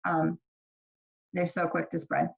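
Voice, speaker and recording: A woman's voice: on the low side, little pitch movement, slow pace, creaky. A woman from Ethiopia giving a casual college microbiology lecture, chatty, with many fillers and restarts. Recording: slightly dull lo-fi lecture recording.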